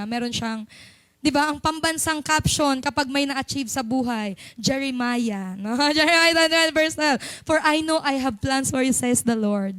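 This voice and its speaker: Young Filipino woman, church speaker, high-pitched, chatty and teasing, dry mic. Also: no room sound. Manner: chatty, playful, mixes English into Filipino. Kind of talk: sermon.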